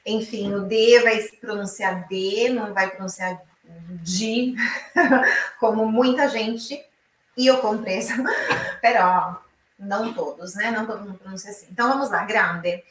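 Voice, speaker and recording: A woman from Brazil teaching an online Italian lesson, explaining slowly and repeating each example aloud. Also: mid-range voice, roomy sound, distant mic, poor audio.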